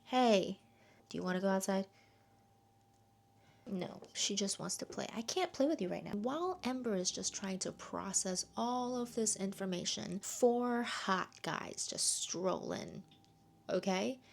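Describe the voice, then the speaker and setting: Young woman chatting about a book on her vlog, bit of vocal fry, talks to her pet mid-sentence. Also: medium pitch, lively intonation, measured pace. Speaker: book reviewer. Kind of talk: casual book review vlog.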